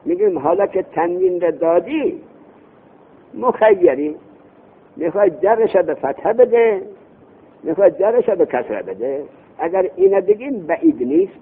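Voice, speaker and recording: Guy lecturing on grammar, husky voice, pitch jumping all over, sounds like a phone line. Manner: animated, reads Arabic text aloud then explains it, asks rhetorical questions. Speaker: teacher of Arabic grammar. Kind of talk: classroom lecture explaining a text, with anecdotes. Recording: tinny phone-like lo-fi recording.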